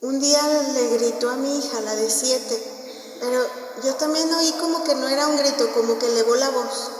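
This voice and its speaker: A woman's voice: high voice, moderate pace, soft background music. A woman with a Mexican accent gives an informal parish talk on family life, telling stories and often checking in with her listeners. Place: parish hall. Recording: very echoey hall, voice from far off, faint noise.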